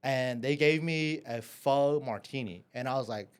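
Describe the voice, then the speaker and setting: A Vietnamese café owner appears as a podcast guest and tells his life story in a chatty, casual way, packed with fillers and frequently ending lines with "right?". His voice is medium-pitched, smooth, and a little slow.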